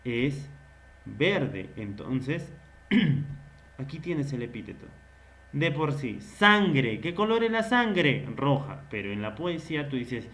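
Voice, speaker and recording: A man teaching literature in a recorded lecture. He asks questions and answers them himself, and he repeats key words slowly. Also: mid-range voice, fairly bright tone, slight background noise.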